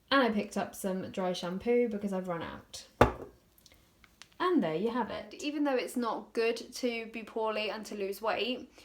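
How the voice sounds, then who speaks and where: A young woman in her twenties chatting casually in a vlog, tired and out of breath, laughing often between fillers. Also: medium pitch. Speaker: vlogger.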